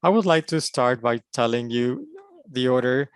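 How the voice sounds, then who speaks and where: A man interprets at a conference panel, working through formal phrases in short, steady chunks at normal speed. His voice is an ordinary male pitch, clear and resonant, and the sound is dry and close with no echo.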